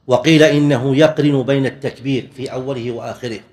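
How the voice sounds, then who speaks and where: A man teaching a religious lesson in a measured, explanatory way, pausing to demonstrate correct and wrong pronunciations and sometimes restarting a phrase. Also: medium pitch, fairly even intonation, darkish tone, long reverb tail. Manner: occasionally clears throat, restarts phrases. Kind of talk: classroom lecture on worship rules.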